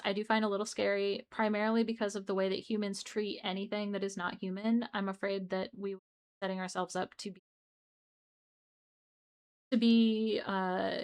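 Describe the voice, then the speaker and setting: A young woman streams late at night in a loose, chatty way, looping back on herself and tossing remarks to her chat as she goes. Her pitch sits at an ordinary middle height for a woman. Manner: rambling and chatty, with frequent restarts and asides to chat. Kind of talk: casual livestream chat.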